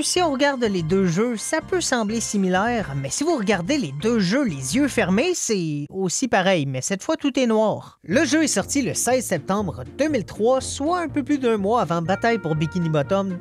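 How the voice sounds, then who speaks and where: Québécois guy roasting old games, sarcastic jokes, voice swings up and down a lot, soft music under it. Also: high-pitched. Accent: Québécois French. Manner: sarcastic, joking asides. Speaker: video game reviewer. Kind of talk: comedic video game review.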